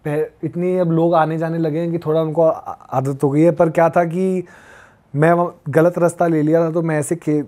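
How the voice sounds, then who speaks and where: A man's voice: a little high, moderate pace. A man in his twenties from Uttar Pradesh, a podcast guest telling a story casually and acting out the lines people said to him. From Uttar Pradesh, India. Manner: lively retelling that acts out quoted dialogue. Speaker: podcast guest, long-distance pilgrim walker.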